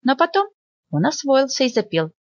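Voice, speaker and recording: A woman librarian reading a children's fairy tale aloud in an expressive storytelling manner. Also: moderate pace, no room sound. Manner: expressive storytelling, lively pitch. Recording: dull lo-fi dry recording.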